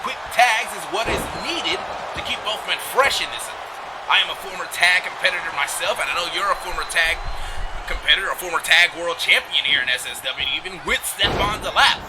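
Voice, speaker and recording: A man calling a live wrestling match play by play, bursting into loud excited shouts at the big moves. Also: high-pitched, fairly quick, background noise. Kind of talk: live sports commentary.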